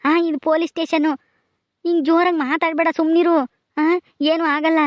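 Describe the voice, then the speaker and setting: A woman playing a young village husband who scolds his wife and hushes his mother. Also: extremely high pitch, little pitch movement, a little fast, no echo, clean studio sound. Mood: scolding.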